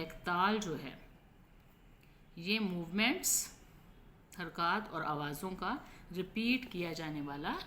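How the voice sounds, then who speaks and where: Female teacher, Pakistani accent, unhurried and low-voiced, faint hum behind. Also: fairly bright tone. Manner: slowly reads English lines, then explains in Urdu. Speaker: English teacher. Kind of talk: explaining a textbook lesson.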